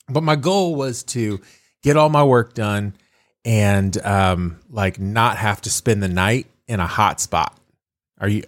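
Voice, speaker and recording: A man's voice: lowish voice, dry recording, clean studio sound. A man co-hosting a casual podcast, a bit groggy from just waking up, telling a rambling story full of fillers. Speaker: podcast co-host.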